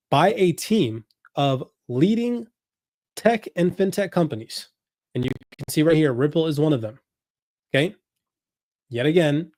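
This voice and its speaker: Host, man, slightly higher voice, dry close mic, screen-share explainer who reads and repeats points. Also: darkish tone, no echo. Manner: explains while scrolling, reads passages aloud, repeats points. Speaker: crypto commentary host. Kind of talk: screen-share document walkthrough.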